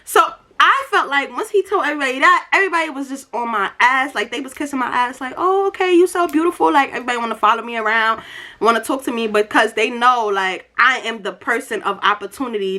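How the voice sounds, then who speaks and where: Bright, high-voiced tipsy young New woman. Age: young adult. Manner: animated, slangy, emphatic, acting out dialogue. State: tipsy from drinking. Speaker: storytime vlogger. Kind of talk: casual storytelling to viewers.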